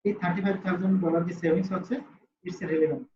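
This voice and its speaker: A man's voice: high-pitched, fairly even intonation, quick pace, a little mellow, a little hiss or hum. A man teaching an online class, asking students questions and answering them himself. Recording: roomy, slightly dull call audio with faint ambience.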